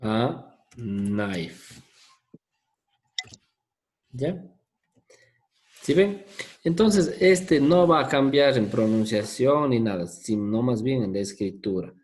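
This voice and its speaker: A man's voice: medium pitch, takes it slowly, a little mellow. A man teaching an online English class, patient and often asking for confirmation. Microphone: video call.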